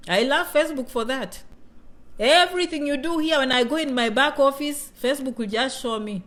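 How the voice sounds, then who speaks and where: This high-pitched, somewhat bright voice belongs to a Kenyan-accented vlogger talking at normal speed. Chatty on her livestream, she reads comments aloud, says things twice, and keeps checking in with "you know?" and "okay?"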